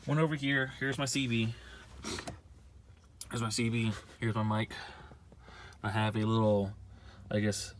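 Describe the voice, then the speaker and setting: A young man with a fairly low voice rambles through an unscripted how-to vlog about his car project, repeating himself conversationally. There's slight background noise.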